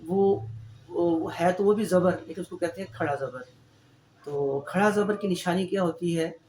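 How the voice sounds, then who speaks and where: A man teaching an online Quran reading lesson, with a voice pitched a little high for a man. He explains patiently and drills each syllable slowly, over and over. The room adds a noticeable echo. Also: a little mellow, slight background noise. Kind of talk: online lesson, slow drilled letter sounds.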